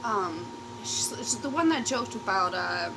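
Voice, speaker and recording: Female vlogger, mid-range pitch, informal and sweary, rambling storytime chat with trailing thoughts, clearly noisy recording. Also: animated, a little slow. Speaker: YouTube vlogger. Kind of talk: casual rambling storytime chat while eating.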